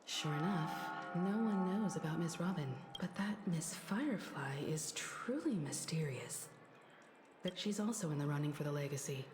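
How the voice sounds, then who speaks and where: A woman voicing a thoughtful, measured young sleuth in a video game. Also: deep voice, animated, over music. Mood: pondering. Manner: measured, pondering. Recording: noisy game audio over stream.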